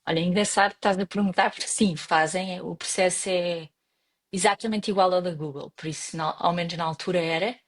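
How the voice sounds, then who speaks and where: A woman's voice: fairly low pitch, fairly even intonation, a little fast. A young Portuguese woman with a European Portuguese accent, chatting as an interview guest, often restarting her sentences. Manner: hesitant, many restarts and fillers. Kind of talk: casual interview conversation.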